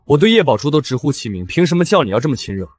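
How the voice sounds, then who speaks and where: An actor playing a scornful, sulky young brother. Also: male voice, fairly high pitch, big pitch swings, rapid-fire. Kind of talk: short drama acting.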